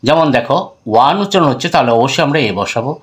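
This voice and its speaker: A man's voice: medium pitch, rapid-fire. Bangladeshi teacher quizzing his viewers. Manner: asks the class questions and answers them himself; mixes English phrases into his talk. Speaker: English teacher. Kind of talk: grammar lesson.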